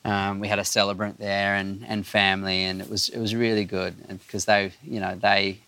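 A man speaks in a low, gravelly voice. He tells his story earnestly and from the heart in a casual group chat. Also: flat delivery, normal speed, sharp tone, no echo. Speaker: guest.

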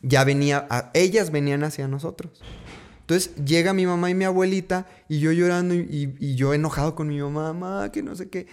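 A man's voice: a little high, steady tone, fairly quick, a little mellow, clear, resonant tone. A man from Mexico with a Mexican accent, telling a personal story in a casual, conversational way, repeating words for emphasis and dropping slangy asides.

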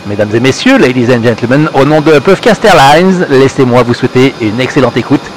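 A man speaking in the measured, ceremonious tone of an airline captain greeting passengers. His pitch sits mid-range but moves around a lot, rising and falling through each phrase. A faint hiss sits under the voice. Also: animated, low-quality recording. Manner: formal, stately cabin-announcement delivery. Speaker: podcast host. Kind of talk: mock airline captain announcement.

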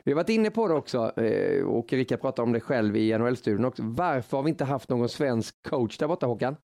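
Mellow male sports talk host, dry sound. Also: medium pitch, lively intonation, vocal fry, no echo. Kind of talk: conversational sports talk hosting.

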